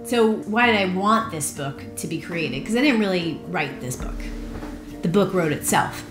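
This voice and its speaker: A woman's voice: lowish voice, expressive, normal speed. A woman talking earnestly in an interview about a book project she started. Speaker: founder of a women's book project. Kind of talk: reflective interview talk. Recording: roomy with music behind.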